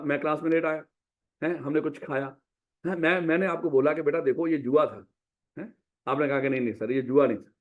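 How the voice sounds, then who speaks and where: A Pakistani man with a fairly high-pitched voice leads a revision class in business law. He poses questions to the class, answers them himself, and addresses the students as "my child."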